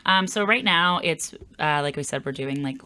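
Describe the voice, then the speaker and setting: Bright-voiced chatty woman comedian. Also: low-pitched, moderate pace. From Philadelphia area. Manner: chatty, hesitant with many fillers and restarts. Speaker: comedian guest. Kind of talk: casual podcast chat.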